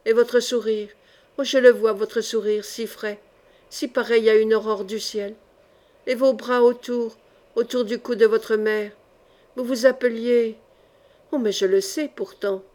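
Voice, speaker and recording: A tormented, half-mad mother, read by a woman with a fairly high voice. She speaks in broken, halting outbursts, circling back on her own words. It sounds like an audiobook recording. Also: fairly even intonation, dark tone, lightly acted. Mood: haunted.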